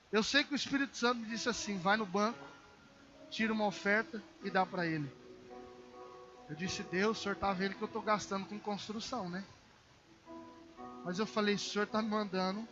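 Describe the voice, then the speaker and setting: A Brazilian Portuguese-accented pastor preaches at a church service in a high voice, sharing a personal story complete with acted dialogue. He addresses the congregation affectionately as dear ones, and the audio sounds dull.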